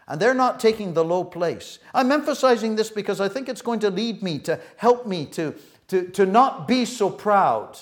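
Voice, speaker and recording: A man delivers a sermon with a slightly higher voice than most men. He talks earnestly, stumbling and restarting phrases, dropping quiet one moment and pressing hard the next. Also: expressive. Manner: earnest, halting with frequent restarts; swings between soft reflective and loud emphatic. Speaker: preacher.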